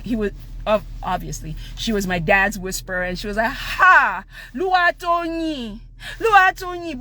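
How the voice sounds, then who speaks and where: A middle-aged woman from Ondo with a Nigerian accent, hosting a live stream and telling a family story in a laughing, animated way that mixes Yoruba and English. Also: medium pitch.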